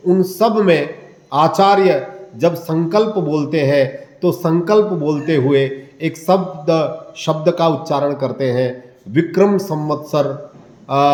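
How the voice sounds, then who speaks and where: Hindi religious teacher in an echoey room. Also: male voice, on the high side, darkish tone. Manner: storytelling, listing rituals with pauses. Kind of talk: devotional discourse.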